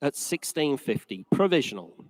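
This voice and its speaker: A man's voice: medium pitch, big pitch swings, normal speed, a little mellow, dry recording. A man working as an auctioneer, calling bids live in a polished, courteous, repetitive patter.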